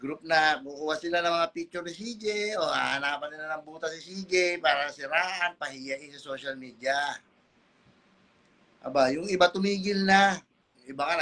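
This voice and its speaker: A man's voice: a little high, sharp tone. A middle-aged man hosting a livestream as a father, calling out his critics with rhetorical questions and a wronged tone. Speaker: livestream host. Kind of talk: ranting livestream talk.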